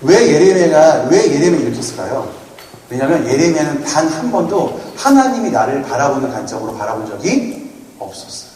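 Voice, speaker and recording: Man in his 30s, retreat speaker, animated and teasing, fairly high voice, heard from afar in a reverberant hall. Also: brisk. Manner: playful, asks the audience questions. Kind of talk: lively youth sermon with jokes. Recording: echoey hall, mic from far off, faint noise.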